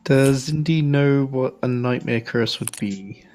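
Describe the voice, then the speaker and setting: Slow-paced, low-key woman tabletop player. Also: darkish tone, faint music behind. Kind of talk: casual game talk, describing her character's actions.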